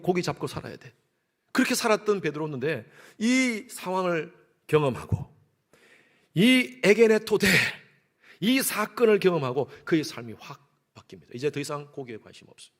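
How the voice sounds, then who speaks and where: A pastor preaching in a church sanctuary, his voice sitting a little high for a man. He preaches with animated energy. He swings between ringing exclamations and quiet, low asides. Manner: animated preaching, acting out little household dialogues. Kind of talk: sermon.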